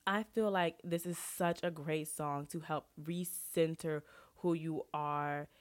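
A young woman hosts her own podcast in a low, fairly even voice, speaking slowly over slight background noise. Congested and sniffly from a cold, she gives casual solo advice, earnestly asking listeners direct questions.

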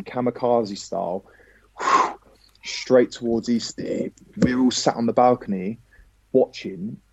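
A man with a dark, slightly husky voice spins a lively anecdote as a podcast guest. He talks casually and swears now and then. The sound is dry and a bit dull and lo-fi. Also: fairly low pitch, no echo. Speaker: guest, professional footballer.

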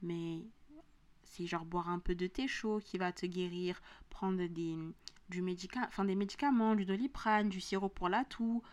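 A woman's voice: fairly low pitch, steady tone, normal speed, a little mellow. A young woman with a southern French accent, hosting a motivational podcast in a casual, slangy monologue and repeating phrases for emphasis. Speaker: podcast host.

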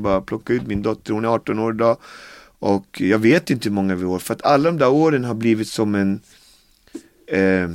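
A man's voice: mid-range voice, no room sound. En man i fyrtioårsåldern från Karibien som berättar sin historia i en intervju, livligt och med många utfyllnadsord. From Caribbean. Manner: animated retelling with acted quotes and many fillers. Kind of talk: casual storytelling. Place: home with dogs.

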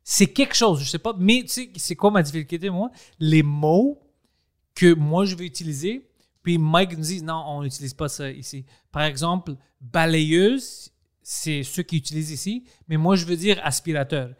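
Male podcast host, slightly high voice, lively casual chat, quick to laugh. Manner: animated, laughs easily, retells conversations.

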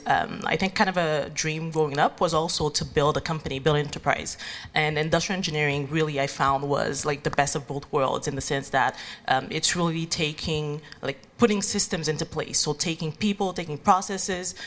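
A woman in her thirties from Haiti, a guest entrepreneur telling her story in a relaxed interview, with many ums and likes. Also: deep voice. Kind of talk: conversational interview.

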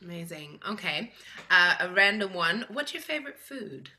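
A woman's voice: on the low side, very animated, moderate pace, bright, forceful tone. A woman hosting a podcast interview in a friendly chat style. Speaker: podcast host.

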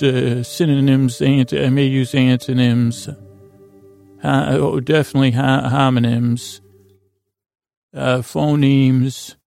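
A man hosts a bedtime podcast, rambling and meandering at a languid, halting pace meant to lull listeners to sleep. His creaky, gravelly voice sits in the mid range and is a little mellow.

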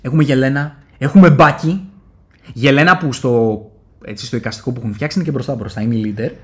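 A man's voice: medium pitch, a crowd in the background. A man co-hosting a casual podcast, chatting about films and series and leading each segment. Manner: animated, talkative, runs the segments. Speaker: podcast co-host. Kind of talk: casual pop-culture chat.

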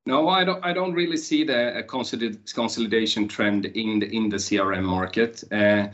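A man speaking as an executive in an unscripted panel discussion, halting and repeating words. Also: lowish voice, fairly bright tone. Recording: dull lo-fi sound.

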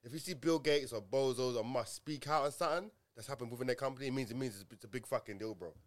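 A man's voice: mid-range voice, fast talker. A man with a London roadman accent in casual podcast chat, making points emphatically with heavy slang and repetition. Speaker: podcast co-host.

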